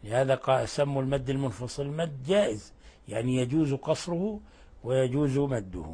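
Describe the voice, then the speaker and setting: A man's voice: medium pitch, lively intonation, fairly quick, dark tone, husky. A man teaching a tajweed lesson on Quran recitation, explaining the rules patiently and often repeating and correcting his phrases.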